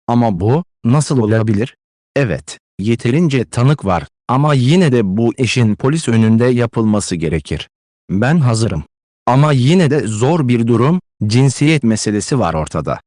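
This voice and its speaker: A man doing a stiff, hesitant gentleman. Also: mid-range voice, no echo, studio quality, natural voice. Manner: formal, hesitant, mumbling. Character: stiff, cautious middle-aged male official suitor.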